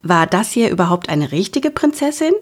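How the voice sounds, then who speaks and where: A woman reads a children's story aloud with lively, expressive storytelling. Her voice sits low and has a husky, breathy grain. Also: moderate pace. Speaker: narrator. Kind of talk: children's audiobook narration.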